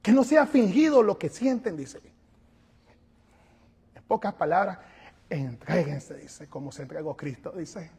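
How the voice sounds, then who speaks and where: A male pastor preaching a sermon, animated, moving between quiet asides and loud calls, and acting out little scenes. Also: sits high, unhurried, creaky, long pauses, breathy edge, in a large hall. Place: church sanctuary.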